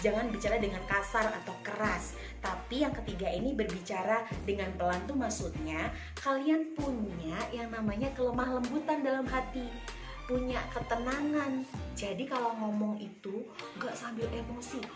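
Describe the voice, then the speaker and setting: A woman teacher giving a lesson to children in a lively way, acting out examples. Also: on the high side, moderate pace, roomy sound, music in the background.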